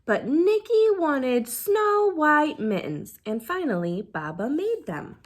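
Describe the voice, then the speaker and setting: A woman reading a children's storybook aloud like a teacher at storytime, expressive and engaging young listeners. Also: high-pitched, slow. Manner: expressive, drops to hushed excited asides with audible gasps.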